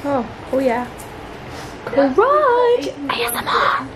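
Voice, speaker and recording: A woman reviewing pizza at home in a casual family chat, talking while chewing and drawing out her excited reactions. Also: high-pitched, very slow, echoey room, recorded from a distance, background noise. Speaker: food reviewer. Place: home kitchen.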